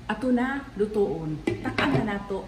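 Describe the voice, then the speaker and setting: A Filipino woman in her fifties with a Cebuano accent, casually talking through a home recipe in her kitchen, explaining each step in a relaxed, chatty way. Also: medium pitch, normal speed, heavy background noise. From Philippines. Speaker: home cook. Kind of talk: casual cooking vlog narration. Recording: distant camera mic, music underneath.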